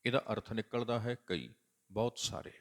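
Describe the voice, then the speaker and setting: Low-voiced man expounding scripture. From Punjab. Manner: slow sung-out recitation of verses between explanations. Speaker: scripture teacher. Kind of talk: scripture exposition.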